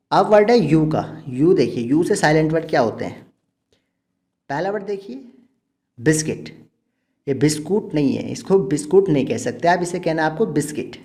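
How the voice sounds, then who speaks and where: Mellow-voiced man teaching pronunciation. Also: a little high. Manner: patient, repeats words slowly to model sounds. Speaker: English teacher. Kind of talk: explaining pronunciation to kids.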